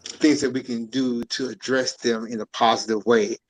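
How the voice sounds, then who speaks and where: A man's voice: medium pitch, level tone, moderate pace, dry recording, low-quality recording. Male panel host on a phone, dry and close, loose and rambling. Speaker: podcast host. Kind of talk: hosting a live-stream panel. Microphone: cell phone.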